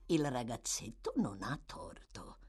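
A woman's voice: low voice, big pitch swings, unhurried, voice pushed down, full character voice. A woman voicing a cunning old male villain, sly and wheedling, sometimes snarling.

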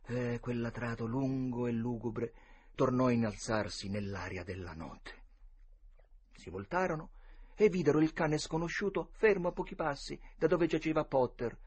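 A man's voice: medium pitch, moderate pace, a little mellow, breathy edge. A man narrating a classic novel as an audiobook with a dramatic, varied delivery. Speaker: audiobook reader. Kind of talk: expressive storybook narration.

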